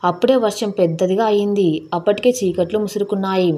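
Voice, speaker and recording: A woman reads a scripted story with emotive, dramatic delivery. Her voice sits at a middle pitch for a woman. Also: fast talker, mellow. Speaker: narrator.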